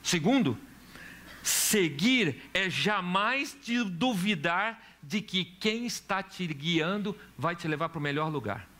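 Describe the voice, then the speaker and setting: A man's voice: high-pitched, animated, slow pace, pushed and bright. A man preaching a sermon in church as pastor, asking the congregation questions and telling stories. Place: church hall.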